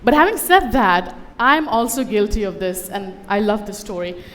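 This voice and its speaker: This conference speaker, a woman raised in Dubai, delivers a personal talk that is witty and conversational, peppered with wry asides, to an audience from the stage. She speaks at normal speed in an expressive, mid-range voice, and a long reverb tail follows her words.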